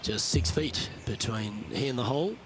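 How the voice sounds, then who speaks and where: A man calling golf play-by-play in a smooth, measured broadcast delivery for a video game. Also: medium pitch, expressive, fairly bright tone, slight background noise, low-quality recording. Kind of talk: scripted video game sports commentary. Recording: commentary over game music.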